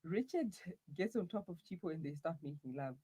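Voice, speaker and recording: Brief: man narrator for a comic audio drama, husky, low-key asides. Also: expressive, fairly quick, mellow, no room sound, poor audio.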